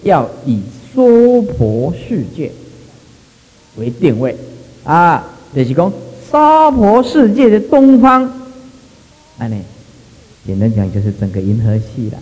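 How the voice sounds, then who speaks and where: A man with a Taiwanese accent giving a Buddhist sutra lecture, stretching his phrases, peppering them with drawn-out fillers and slipping into Hokkien. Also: a little high, huge pitch swings, a little mellow, in a large hall, rough recording. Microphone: microphone.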